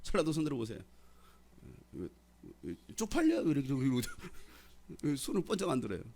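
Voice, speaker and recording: A man's voice: medium pitch, wildly swooping pitch, brisk, a little mellow. A middle-aged male pastor from the Jeolla region preaching a sermon, quizzing and teasing the congregation. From Jeolla, South Korea.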